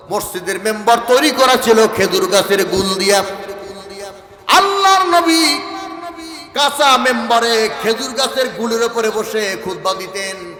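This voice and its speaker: A man delivers a fervent sermon, his high, bright voice rising into sung verses. It rings through a large hall with a long, echoing reverb. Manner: impassioned chanting preacher, breaks into melodic singing and rhymes. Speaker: preacher.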